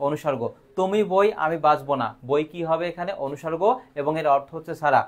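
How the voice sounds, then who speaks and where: A man's voice: fairly high pitch, quick pace. A man teaching a live online grammar lesson, asking questions and answering them himself.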